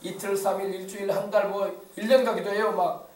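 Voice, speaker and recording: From a distance in an echoing church sanctuary, a pastor delivers a rousing call-and-response sermon with a Korean accent from the Yeosu region. His voice sits high with little pitch movement, runs a little fast, and has a darkish tone.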